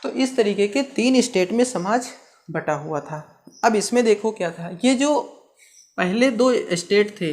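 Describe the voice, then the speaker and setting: A teacher giving an exam-prep history lecture, asking rhetorical questions, answering them straight away, and explaining terms with everyday comparisons. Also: medium pitch. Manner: keeps checking in with "ठीक है".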